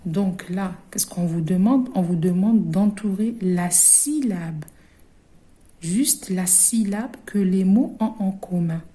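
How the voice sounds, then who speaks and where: A woman primary school teacher gives a recorded lesson to young children. She is patient, repeats each word, and often trails off to a hush. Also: mid-range voice, slow.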